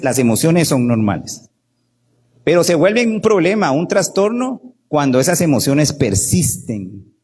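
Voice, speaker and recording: Lively husky-voiced man teaching. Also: mid-range voice. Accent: Guatemalan Spanish. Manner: animated, asks "¿verdad?" often, acts out quoted people. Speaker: doctor giving a workshop. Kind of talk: lively workshop talk.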